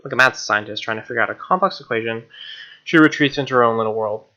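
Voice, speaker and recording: A man's voice: mid-range voice, quick pace, pushed and bright, muffled recording. A man playing a visual novel, reading its narration aloud with wry, joking asides. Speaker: let's player.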